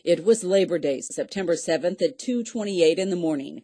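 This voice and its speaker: A woman's voice: on the low side, animated, normal speed, dark tone, no room sound. An American woman reporter reading a scripted television news story.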